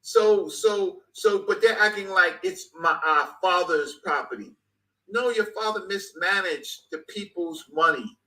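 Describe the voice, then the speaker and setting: Emphatic man, 50s, higher bright voice, repeats for emphasis. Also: very animated, measured pace, low-quality recording. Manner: emphatic, repeats phrases for stress. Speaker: guest speaker. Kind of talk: passionate conversation.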